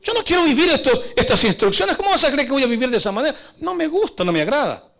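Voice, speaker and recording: A preacher playing a defiant churchgoer man, indignant and complaining in a raised, high voice. He pushes his protest up even higher than his already high everyday pitch, and his complaint comes out quick and pointed. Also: creaky, full character voice. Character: defiant churchgoer man rejecting God's instructions.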